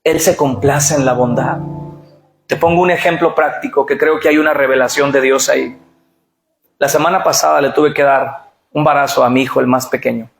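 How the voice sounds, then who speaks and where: A man's voice: mid-range voice, steady tone, moderate pace, creaky. A middle-aged man preaching a sermon, urging the congregation to repeat phrases aloud. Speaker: pastor. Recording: echoey church hall with music.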